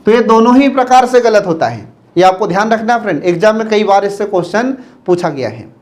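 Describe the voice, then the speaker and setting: Man, very high pitch, classroom lecture, slow repeated words, checks that students follow. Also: expressive. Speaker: Hindi teacher. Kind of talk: classroom lecture on word spelling.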